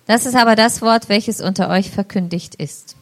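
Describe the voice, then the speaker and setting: A woman interprets a sermon, following each of the preacher's phrases. Her voice is steady and clear at a middle pitch. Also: normal speed.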